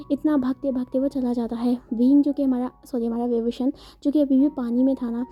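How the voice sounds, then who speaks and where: A woman narrating a story in a chatty, casual way, often correcting herself. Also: sits high. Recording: dull lo-fi sound, faint music.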